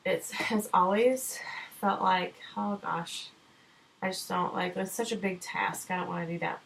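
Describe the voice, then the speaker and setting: A woman's voice: on the low side, fairly even intonation, unhurried, vocal fry, slight background noise, low-quality recording. A woman in her thirties giving chatty, encouraging sales advice in a casual home vlog, rambling with fillers and restarts. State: short of breath. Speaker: direct sales consultant.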